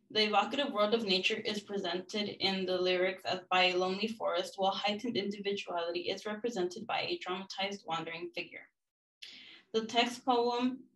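Young woman walking thru her sheet music for a class recital talk, explaining each bit, average pitch. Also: fairly bright tone, rough recording. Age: young adult. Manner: explanatory, walking through a score. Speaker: music student presenting a lecture recital. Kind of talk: academic presentation.

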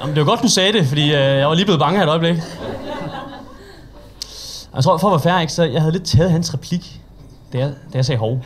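At an open mic, a young man with a Danish accent does stand-up, his voice fairly high and broken by frequent pauses. He tells stories in a chatty, self-mocking way, acting out the people in them with quoted voices.

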